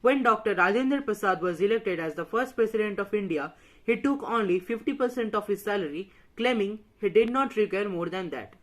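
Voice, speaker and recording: A woman, a student presenter, reading a list of facts from a script in a steady, plain way. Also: medium pitch, brisk.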